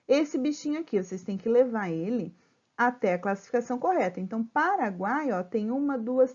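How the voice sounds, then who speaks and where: A Brazilian woman teaches a remote grammar lesson to children in a slightly high voice. She is patient and spells out syllables slowly. She keeps checking in with them. The sound is muffled and lo-fi, as if from a laptop mic. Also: darkish tone. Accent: Brazilian Portuguese.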